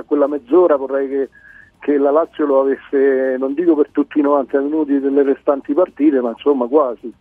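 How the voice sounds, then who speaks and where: Uomo esitante al telefono in radio. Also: male voice, mid-range voice, slightly rough, no echo. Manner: halting, searching for words. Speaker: phone-in caller. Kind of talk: casual sports radio call-in. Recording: dry narrow phone line, music behind.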